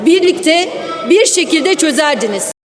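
A woman's voice: very high voice, animated, unhurried, slight background noise. A woman gives an emphatic, reproachful political speech at a pulpit microphone as a member of parliament. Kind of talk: formal political speech from a podium. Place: large indoor chamber. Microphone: podium microphone. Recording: reverberant hall sound.

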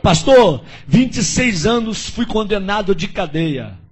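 A man from Brazil, a pastor telling a story in a sermon, his delivery dramatic, dropping to a hush and rising to shouts. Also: sits high, big pitch swings, a little slow, slightly rough. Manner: dramatic, swings from hushed to shouting.

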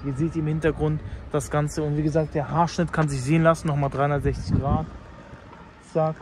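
Outdoors by a market hall, with street noise around him, a man vlogs in a hyped, slangy way and repeats himself. His voice is on the high side, fairly quick, with flat delivery, as he gives casual vlog commentary.

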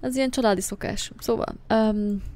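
A woman's voice: medium pitch, fairly even intonation, a little mellow, dry recording. A woman giving jumpy, casual commentary while playing a horror game, talking to objects on screen and swearing now and then. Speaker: gaming channel host.

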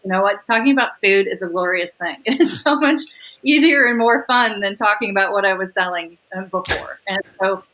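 A middle-aged woman talking upbeat and fast on a video call, laughing easily as she explains her business. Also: mid-range voice, fairly bright tone, low-quality recording. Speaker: catering sales executive, guest. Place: home room with windows.

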